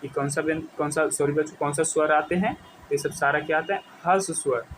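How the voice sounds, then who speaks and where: A man teaching a Hindi grammar lesson for exam prep, asking questions and answering them himself, and slowly stretching words out as he goes. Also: on the high side, fairly even intonation, fairly bright tone, a little hiss or hum, rough recording.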